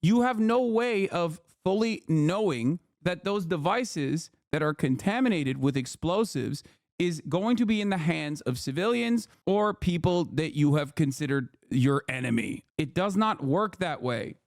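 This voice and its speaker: A man talks fast over news clips on his stream, heated and mocking, swearing often. His voice sits a little high. The sound is dry and close, with no room around it. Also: lively intonation, no room sound. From Turkey. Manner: heated, sarcastic, profane. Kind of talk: live stream commentary.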